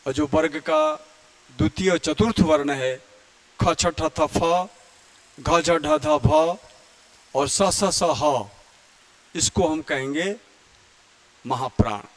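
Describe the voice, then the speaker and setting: A man teaching Hindi grammar in a lecture, who often clears his throat and sings out vowels to show how they sound. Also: fairly high pitch, huge pitch swings. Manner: explains slowly, chants vowels and Sanskrit verse to demonstrate. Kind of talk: classroom lecture.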